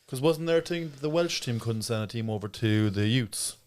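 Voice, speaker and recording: A man's voice: mid-range voice, lively intonation, clear, resonant tone. A man co-hosting a podcast in a casual chat, often ending his remarks with tag questions. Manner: quick, adds tag questions. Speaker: podcast co-host.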